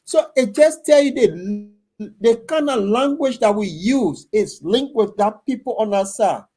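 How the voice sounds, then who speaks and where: A middle-aged man with a Liberian English accent speaks in a fairly high, mellow voice. He talks casually and bluntly, leaning on personal stories to make his point in a relaxed discussion. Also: measured pace. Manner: anecdotal, blunt storytelling.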